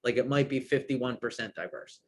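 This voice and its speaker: A man's voice: medium pitch, a little fast, a little hiss or hum. A man guesting on a podcast, talking casually and enthusiastically, with many "like"s and restarts. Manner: enthusiastic, rambling, lots of "like".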